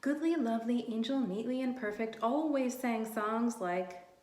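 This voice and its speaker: Her voice a little high, a woman leads a lively read-aloud for little ones as their early childhood teacher, keeping her words simple and encouraging. She frequently pauses to ask the children questions, and the space sounds roomy and echoey.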